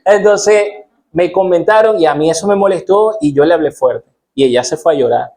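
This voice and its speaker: Man, slightly high voice, relaxed conversational testimony. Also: normal speed. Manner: conversational, storytelling with quoted dialogue. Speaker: church couple guest. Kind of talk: testimony on parenting.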